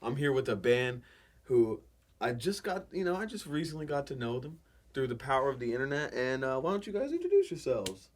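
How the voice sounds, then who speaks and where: A man's voice: medium pitch, sing-song, fairly quick. Give me a young man hosting a podcast, swearing casually as he chats with guests. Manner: loose, profane slang-heavy talk. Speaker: podcast host.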